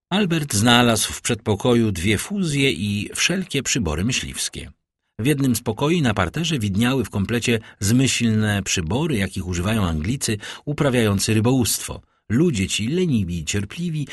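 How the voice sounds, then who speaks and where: A man narrating an audiobook in an expressive storytelling reading. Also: fairly low pitch, slightly rough, no room sound, clean studio sound. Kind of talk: scripted narration.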